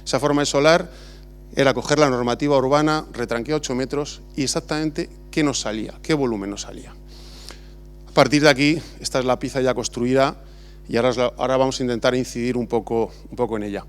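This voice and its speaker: This is a middle-aged man from Spain, an architect accepting an award at a ceremony held in a large exhibition hall. He talks fast and informally, with a smooth, medium-pitched voice and fairly even intonation. He restarts often and leans heavily on fillers.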